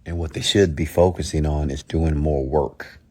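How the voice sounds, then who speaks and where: A man's voice: rumbling low, steady tone, normal speed, darkish tone. A man giving a motivational mindset talk in a blunt, scolding, emphatic way, repeating phrases and posing rhetorical questions. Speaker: motivational speaker and host.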